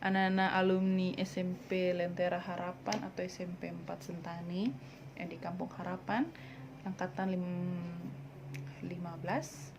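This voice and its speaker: Here the Papuan Indonesian vlogger, a woman in her 20s, talks at a measured pace in a fairly low, level voice, with the highs cut off and background noise present. It's a casual Q&A where she answers viewers bluntly and teasingly, mixing in English words.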